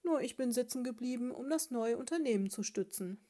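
A woman voicing a calm, friendly male chanterelle mushroom in a storybook, quick and matter-of-fact. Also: fairly high pitch, pitched above the performer's own voice, lightly acted.

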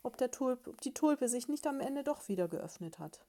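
A woman's voice: high voice, lively intonation, normal speed, mellow, pitched above the performer's own voice. A woman voicing a fussy, nagging female beetle who keeps asking her husband questions.

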